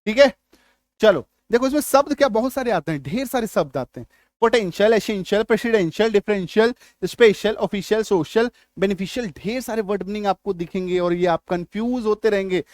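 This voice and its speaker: Male English tutor, high voice, dry close sound, drags out example words, keeps checking students follow. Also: a little mellow, no room sound. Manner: repeats checks like "आ रही बात समझ में?"; stretches out example words slowly. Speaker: English teacher. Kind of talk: spelling lesson.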